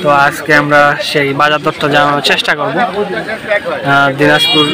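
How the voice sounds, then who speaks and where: A man's voice: a little high, fairly even intonation, measured pace. A man reporting on location at an outdoor market, explaining things in repeated phrases and putting short questions to traders. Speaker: video reporter. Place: outdoor wholesale fruit market. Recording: loud crowd and street noise behind.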